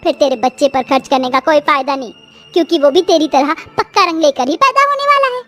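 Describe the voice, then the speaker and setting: A woman's voice: high voice, lively intonation, normal speed, faint music behind. A woman voicing a harsh, taunting middle-aged mother-in-law in a cartoon story. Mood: scolding. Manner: taunting, scolding.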